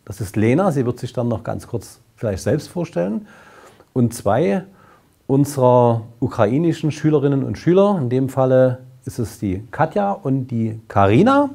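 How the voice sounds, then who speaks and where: A man in his sixties, a school principal, speaking formally and at a measured pace to the camera in a classroom, on a lapel mic. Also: medium pitch, sing-song, vocal fry, warm tone. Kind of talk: welcoming, explanatory address to camera.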